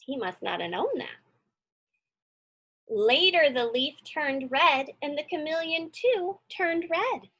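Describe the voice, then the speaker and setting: A teacher hosts a children's read-along, reading a storybook aloud and chatting informally with the kids, encouraging them and often asking them questions. Her voice sits high and is a bit bright, with lively intonation at a slow pace.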